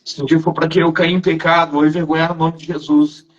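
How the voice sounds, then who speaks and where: A pastor telling his conversion story in an emotional, slow and earnest way during a live stream. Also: fairly high pitch, flat delivery, lo-fi sound. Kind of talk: testimony in a live interview.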